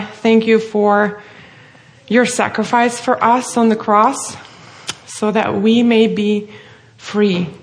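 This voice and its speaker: A woman from Russia with a Russian accent, preaching an earnest, heartfelt sermon. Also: mid-range voice.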